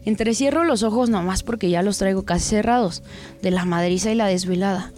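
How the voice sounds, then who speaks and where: Woman narrator, dramatic story reading, crude slang, mid-range pitch. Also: darkish tone, faint music behind. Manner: crude slang, gritty and unhurried.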